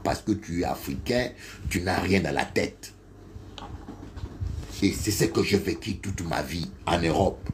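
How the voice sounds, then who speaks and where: Slow Congolese preacher man, rising to shouts. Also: a little hiss or hum. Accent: Congolese French. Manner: slow storytelling that swells to loud, high shouting. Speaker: bishop preacher. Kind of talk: sermon with personal testimony.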